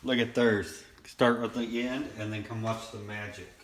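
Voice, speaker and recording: A man's voice: on the low side, steady tone, moderate pace. A man in casual family banter, teasing and playful while baking in a home kitchen. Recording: echoey room with loud noise.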